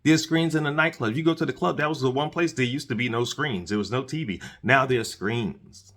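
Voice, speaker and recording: A man's voice: mid-range voice, fairly quick, a bit bright. A man hosting a solo commentary show, talking in an earnest, preachy way and often repeating and restarting his words. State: dry mouth, has candy in his mouth. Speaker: podcast host.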